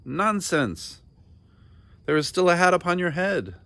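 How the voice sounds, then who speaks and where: A man's voice: high voice, very animated, measured pace, pushed and bright, no room sound, voice pushed up, exaggerated voice. A man voicing an imperious, indignant king who barks demanding commands in a storybook reading. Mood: enraged. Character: imperious, furious king barking commands at a subject.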